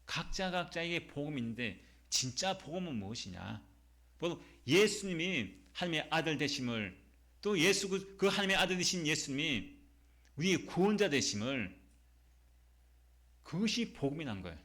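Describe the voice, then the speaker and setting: A male pastor preaching a Sunday sermon, emphatic, posing rhetorical questions and reading scripture slowly. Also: fairly high pitch, very animated, sharp tone. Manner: reads scripture slowly and deliberately.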